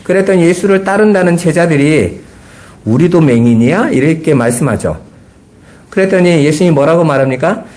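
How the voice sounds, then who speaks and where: A middle-aged pastor delivers a Sunday sermon in an earnest preaching manner. He keeps posing rhetorical questions to his congregation. His man's voice sits somewhat high. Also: fairly quick, darkish tone.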